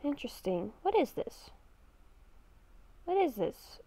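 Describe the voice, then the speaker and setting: She's a gamer improvising in-character narration, talking through her thoughts and echoing her own phrases as a roleplay character. Her high-pitched voice is sing-song and slow. Background noise is audible, and the lo-fi microphone sounds dull.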